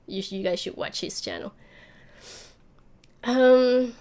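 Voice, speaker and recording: Slow and dark in tone, yet pitched on the high side, this YouTube host's voice carries her livestream. She chats informally with viewers, rambling while she works through their questions out loud.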